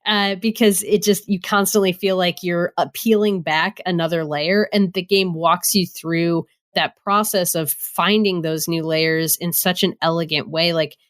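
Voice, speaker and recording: A young woman co-hosting a podcast in casual chat, gushing and animated, talking in quick bursts. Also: on the low side. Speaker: podcast co-host.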